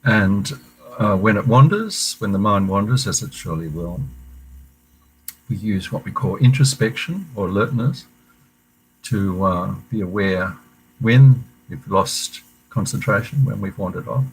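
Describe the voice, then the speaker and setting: Male meditation teacher, deep voice, hesitant and soft-spoken, streaming his class. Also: animated, slightly rough, poor audio. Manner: halting, many fillers and restarts, gentle. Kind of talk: online meditation class introduction. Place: room at a meditation centre.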